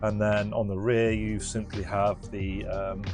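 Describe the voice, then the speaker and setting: Speaking with a lowish, flat voice at a measured pace, this British host of a retro gadget restoration channel gives a hands-on, unscripted demo and review of a product. He's recorded in a garage on a body-worn microphone, and music runs in the background.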